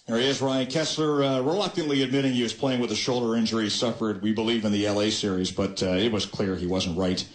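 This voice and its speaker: A man hosting a post-game call-in show with a smooth radio host delivery, brisk and measured as he recaps and takes calls. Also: lowish voice, steady tone, roomy sound. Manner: brisk, measured, recaps then hands off to callers.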